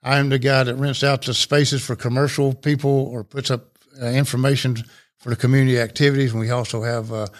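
Speaking briskly in a flat, mid-range voice, a man from Rome, Georgia, USA, who serves as a club president, chats as an interview guest. He is talkative and folksy, rambling on at length in his explanations.

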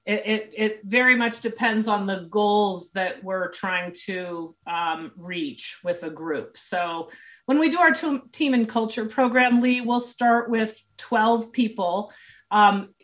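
A woman at an everyday middle pitch explains her team work in an earnest, searching way. Her voice is worn and close to going. She circles back with restarts and fillers as she thinks. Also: slow, fairly bright tone. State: losing her voice. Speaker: leadership and team consultant, guest. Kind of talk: conversational interview answers.

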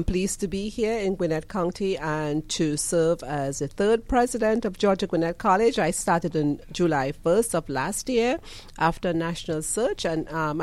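A woman with a Trinidadian accent, in her fifties, talks earnestly through her career as a guest on a radio show, often pausing on ums and restarting sentences. Her voice sits a little low. The sound is dry and close, with no room echo. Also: darkish tone. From Trinidad and Tobago. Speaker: college president, guest. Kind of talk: radio interview answers.

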